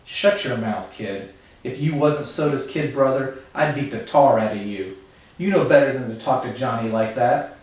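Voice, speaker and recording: A man reading aloud and voicing a tough, joking teenage boy in a gruff, scolding way. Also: mid-range voice, normal speed, natural voice. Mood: stern. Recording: very echoey room, far from mic.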